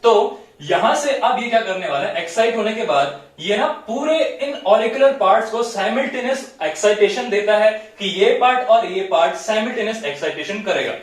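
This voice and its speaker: Man, high voice, biology teacher, step-by-step explaining, very echoey room, distant mic. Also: animated, normal speed, hardly any pauses. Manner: explanatory, repeats "theek hai" often, mixes English terms. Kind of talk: whiteboard biology lesson.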